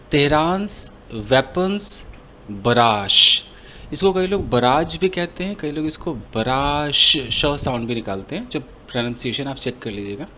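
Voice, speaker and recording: A man's voice: mid-range voice, a bit bright, a little hiss or hum. A man from India teaching English grammar in Hindi, explaining step by step, asking and answering his own questions. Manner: slows down to read English phrases aloud.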